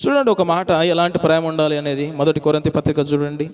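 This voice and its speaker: High-pitched preacher man. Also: fast talker, smooth. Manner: calls on the congregation to answer aloud; rhythmic, repeating phrases for emphasis. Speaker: pastor. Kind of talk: sermon.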